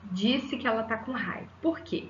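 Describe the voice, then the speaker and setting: A woman with a fairly high voice talks through a psychology lecture in a didactic way, often checking in with the listener through rhetorical tags. The room sounds echoey, and the audio is slightly dull, with a faint hiss behind her. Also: moderate pace. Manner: didactic, frequent rhetorical tag "né?" and fillers. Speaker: psychology teacher. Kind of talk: explanatory lecture.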